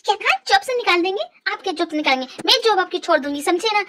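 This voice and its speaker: A woman's voice: extremely high pitch, animated, rapid-fire, a bit bright. A woman voicing a feisty, talkative young secretary in a fan dub drama, sassy and argumentative.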